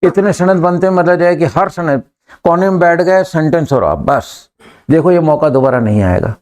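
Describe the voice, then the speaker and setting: A man with an Indian accent teaches a live English class. His voice sits a little high. He coaxes the students along, repeats his prompts and pushes them to answer faster. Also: a little mellow. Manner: coaxing, repeats prompts, urges students to hurry.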